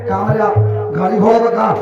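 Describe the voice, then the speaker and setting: A man with a Bhojpuri accent gives short, gruff replies in a fairly high voice during a nautanki show. The sound is echoey and dull, picked up from a distance over loud stage music. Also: steady tone, fairly quick. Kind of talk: live folk theatre dialogue. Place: outdoor stage with live music.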